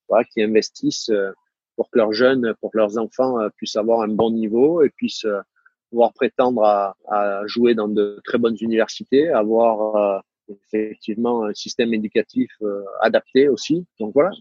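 A man's voice: lowish voice, darkish tone, husky, dry recording. A man coach answering interview questions, hesitant, with many fillers and restarts. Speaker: tennis coach. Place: United States. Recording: dull lo-fi dry sound.

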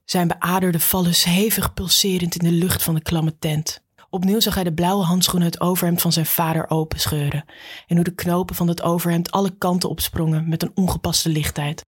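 Husky woman reading an audiobook. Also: on the low side, no echo, studio quality. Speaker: narrator. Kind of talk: audiobook narration.

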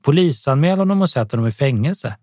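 A man voicing a blunt, protective young man in an audiobook, a little louder than his narration. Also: medium pitch, expressive, dry recording, clean studio sound, pitched above the performer's own voice, close to an everyday voice. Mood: firm.

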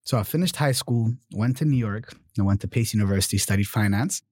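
A young man from Germany talks through his own story in a relaxed interview, with a lowish voice and dry, close sound. He is animated, checking in with "right?" and "you know" as he goes. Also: fast talker, no echo. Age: 20s. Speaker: guest. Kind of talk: casual interview conversation.

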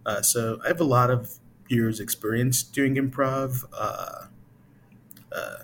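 A man's voice: mid-range voice, fairly even intonation, fairly bright tone, slight background noise. A middle-aged man from Chicago with an American accent, talking hesitantly and casually as an interview guest. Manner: halting, hesitant, thinking aloud. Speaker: interview guest, improv company founder.

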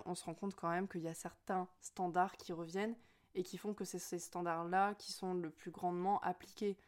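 A woman's voice: lowish voice, a little mellow. A young woman of Spanish and Portuguese family speaking in a personal, reflective monologue, hesitant with many fillers and restarts.

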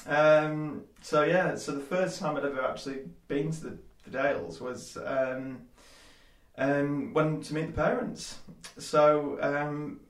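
A man's voice: fairly high pitch, steady tone, slow. Rambling young Yorkshireman, roomy sound. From Leeds, England. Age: 20s. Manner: rambling, many fillers and restarts. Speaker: guest, small business owner. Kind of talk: casual interview chat.

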